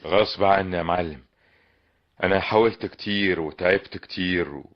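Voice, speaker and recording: An actor playing an earnest, pleading young suitor in an old radio comedy drama, with an Egyptian Arabic accent. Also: male voice, low-pitched, normal speed. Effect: old lo-fi radio drama recording. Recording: dull lo-fi old radio recording.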